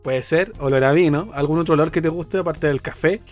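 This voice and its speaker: A man's voice: a little high, fairly quick, faint music behind. A man with a Chilean accent, co-hosting a casual radio chat and talking with many fillers and restarts. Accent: Chilean Spanish. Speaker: co-host.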